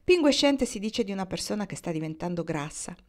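A poised young woman card dealer speaks calmly, pronouncing each word with care, as a woman reading an audiobook puts her on. Her tone stays serene and faintly mischievous. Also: mid-range voice, close to an everyday voice. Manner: calm, deliberate, enunciating.

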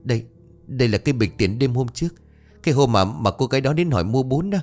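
A fearful village wife whispers her worries in quick, hushed bursts, as a male storyteller voices her. Her voice swings up and down under a faint bed of music. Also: mid-range voice, lively intonation, pitched above the performer's own voice, lightly acted. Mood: worried, hushed. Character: frightened hushed village wife selling noodles.

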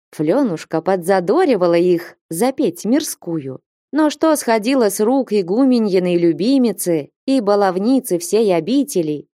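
A woman reading a classic novel aloud as an expressive audiobook narrator. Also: medium pitch, dry recording, studio quality.

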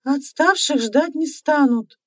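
Lady doing a loud bossy village mom yelling orders, higher pitched, dry sound. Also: takes it slowly, no room sound. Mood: urgent bossy. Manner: shouting orders. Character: bossy loud middle-aged village woman.

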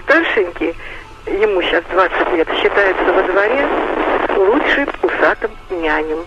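A woman's voice: mid-range voice, animated, a little slow, heavy background noise. Woman caller on a muffled phone line. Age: 40s. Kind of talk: phone-in call to radio.

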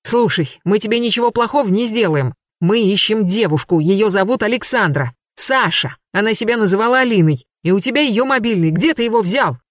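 A reader voicing Makar, a desperate young man searching for a missing girl, who sounds hoarse and speaks with urgent pleading. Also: mid-range voice, lively intonation, brisk, hardly any pauses, no echo, studio quality, pitched above the performer's own voice, lightly acted. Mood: soothing. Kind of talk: audiobook character voice.

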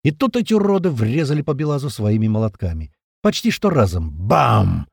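Rough-spoken man narrating an audiobook. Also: mid-range voice, sing-song, fast talker, darkish tone, no echo, studio quality. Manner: colloquial, rough-spoken, vivid. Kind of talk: first-person audiobook narration.

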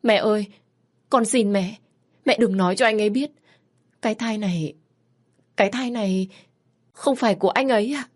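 A woman voicing a frightened seventeen-year-old girl who pleads in halting, apologetic bits. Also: mid-range voice, voice pushed up, close to an everyday voice. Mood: pleading.

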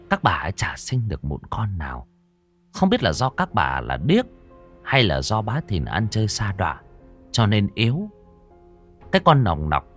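A man narrating a ghost story in an expressive, dramatic way, dropping to hushes and rising again. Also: on the low side, husky. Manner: expressive, swinging between hushed and loud.

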